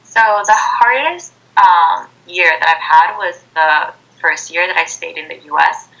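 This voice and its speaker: A twenty-year-old college student from Ecuador, a native Spanish speaker, answers interview questions informally as a guest on a Skype video call. Her voice is lowish, creaky and a bit bright, and she speaks unhurriedly. The call sounds dull.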